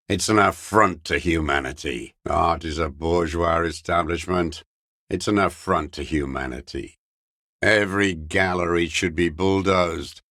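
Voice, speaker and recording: An old revolutionary deserter in a video game, full of bitter contempt. His voice sits low and he delivers his dogma slowly, as a zealot who scorns everyone. The sound is very dry, with no room around him. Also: fairly bright tone, dry recording, heavily acted. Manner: slow, contemptuous, doctrinaire ranting. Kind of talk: video game character dialogue.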